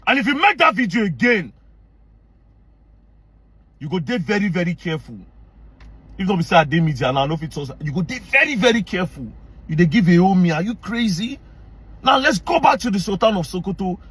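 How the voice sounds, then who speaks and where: A Nigerian man with a high, husky voice rants straight into the camera. He is angry and confrontational, circling back on the same lines and slipping into Pidgin. His delivery is hard, direct and relentless. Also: big pitch swings, fairly quick, pauses often, fairly bright tone. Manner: angry, confrontational, repetitive, mixing Pidgin into English. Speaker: online commentator. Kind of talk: heated rant to camera.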